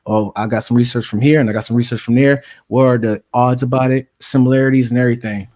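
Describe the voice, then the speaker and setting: A man's voice: medium pitch, fairly even intonation, quick pace, darkish tone. A man hosting a live stream, laid-back and casual with slang, often repeating himself.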